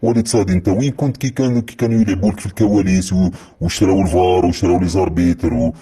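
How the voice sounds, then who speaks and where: A man with an Algerian accent delivering a heated, accusatory monologue as a football commentator, repeating his points forcefully. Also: deep voice, fairly even intonation, racing, husky. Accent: Algerian Arabic. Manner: heated, accusatory, repetitive rant. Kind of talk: impassioned monologue.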